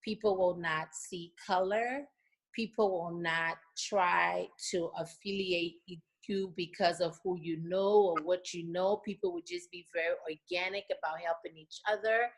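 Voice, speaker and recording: A woman's voice: fairly low pitch, steady tone, a little slow. A middle-aged woman from Liberia, answering interview questions in an earnest, repetitive way, with many "you know"s. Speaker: interview guest. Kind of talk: remote interview, casual.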